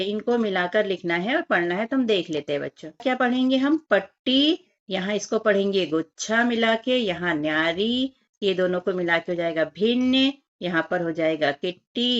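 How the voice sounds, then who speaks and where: A woman teacher working through a children's workbook, reading words slowly one by one and speaking directly to the children. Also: medium pitch, dull audio.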